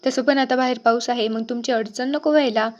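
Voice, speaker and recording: A sharp-tongued schemer who nags and dismisses everyone around her, read out by a woman. The voice sits a little high but barely moves in pitch. The sound is slightly dull and lo-fi. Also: steady tone, brisk, lightly acted. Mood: bossy.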